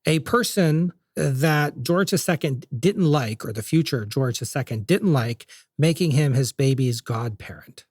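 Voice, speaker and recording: A man's voice: on the high side, darkish tone, no echo, studio quality. A man hosting a podcast, telling history in a chatty, jokey, casual way. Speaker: podcast host.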